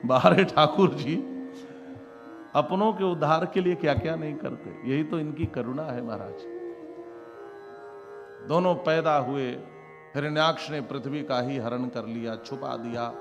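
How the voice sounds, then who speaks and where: A man's voice: on the high side, a little slow, pauses often. A man telling devotional scripture stories as a sermon, dramatic, acting out the characters' lines with exclamations. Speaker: Bhagavat katha preacher. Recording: long reverb with instrumental music behind.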